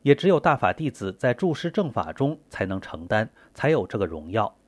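A man reading a prepared text aloud in a measured, earnest way. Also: lowish voice, big pitch swings, no room sound.

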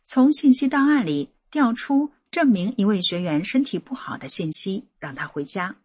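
A woman hosting a radio program, giving a measured, expressive scripted narration. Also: husky, no room sound. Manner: measured, expressive reading with lively pitch.

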